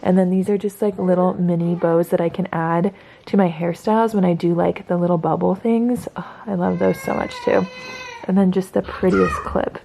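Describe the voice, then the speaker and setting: Low, gravelly-voiced mom vlogger. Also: female voice, fairly even intonation, normal speed, dark tone, slight background noise. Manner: gushing, filler-heavy talk. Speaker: stay-at-home mom vlogger. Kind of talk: casual vlog chat. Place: at home.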